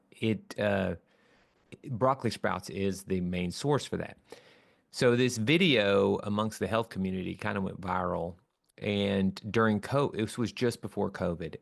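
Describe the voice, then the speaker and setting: Low gravelly man telling his story. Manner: earnest, rambling with restarts. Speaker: product inventor being interviewed. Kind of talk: casual storytelling interview answer.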